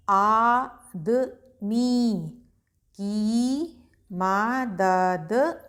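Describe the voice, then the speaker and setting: A woman teaching beginners to read Hindi, sounding each word out slowly before explaining it briskly. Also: medium pitch. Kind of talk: slow syllable-by-syllable reading lesson.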